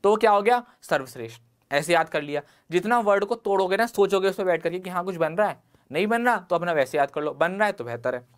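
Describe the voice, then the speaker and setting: A man's voice: sits high, animated, fast, clear, resonant tone. A male teacher with an Indian English accent runs an online exam-prep vocabulary lesson. He keeps asking the class rhetorical questions and ties each word to everyday life. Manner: explains words with everyday examples and rhetorical questions.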